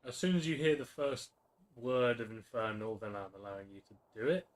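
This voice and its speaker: A man running a tabletop fantasy game as game master, narrating off the cuff in a halting, self-correcting way. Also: medium pitch, expressive.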